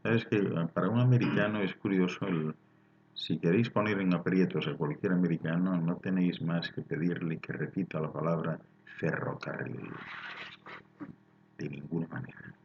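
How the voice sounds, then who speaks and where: A very deep-voiced man with a Spain Spanish accent hosts a live spiritual talk, calmly reading viewers' chat questions and explaining his answers at length. He often ends his points with a questioning tag. The sound is dull and lo-fi, with a faint hum behind him. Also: normal speed.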